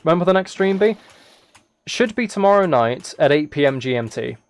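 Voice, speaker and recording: A man with an expressive, somewhat high voice chats at a moderate pace on a livestream while playing a game, rambling, thinking aloud and reading chat. The recording has no room sound.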